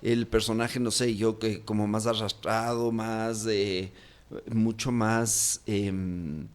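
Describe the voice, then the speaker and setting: Speaking slowly in a lowish voice with little pitch movement, this man is an actor appearing as a guest in a casual interview. He has a Quito Ecuadorian Spanish accent and rambles, filling his speech with hesitations and false starts.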